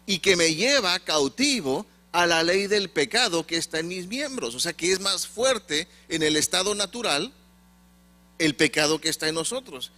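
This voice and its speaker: A man from Monterrey, preaching a sermon with emphatic swings and pauses. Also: high voice, sharp tone. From Monterrey, Mexico.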